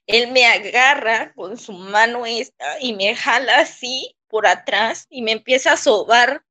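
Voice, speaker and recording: Woman interviewee, high-pitched and unhurried, speaking in shaken, broken phrases. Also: pushed and bright. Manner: halting, shaken, pausing often. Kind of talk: emotional personal testimony.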